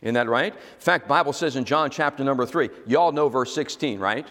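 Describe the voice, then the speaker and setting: A man's voice: mid-range voice, fairly quick, fairly bright tone, in a large hall. A male pastor preaching a teaching sermon. He repeats key words and asks the congregation to answer him.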